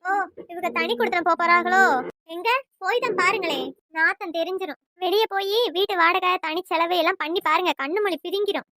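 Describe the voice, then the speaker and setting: A woman voicing a scolding, sharp-tongued old mother-in-law in a family cartoon, nagging and quarrelsome. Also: extremely high pitch, fairly quick. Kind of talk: cartoon voice acting.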